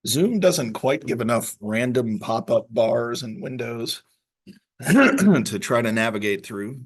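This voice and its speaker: A man's voice: mid-range voice, animated, takes it slowly, breathy edge. A man on planning staff presenting at a meeting room table, with dry humor and hesitant restarts.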